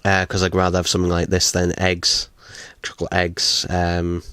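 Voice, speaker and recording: Sore after taking a fall, a man unboxes items at home, rambling with many fillers and the odd casual swear word. His low voice is monotone, pushed and bright, at a moderate pace. A close desk microphone in his small room captures it clean and dry.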